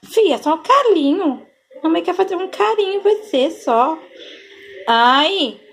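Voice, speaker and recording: A woman's voice: very high voice, lively intonation, moderate pace, vocal fry, a little hiss or hum. A woman talking to her pet cat in a homemade video, switching between coaxing baby talk and firm scolding. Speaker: pet owner.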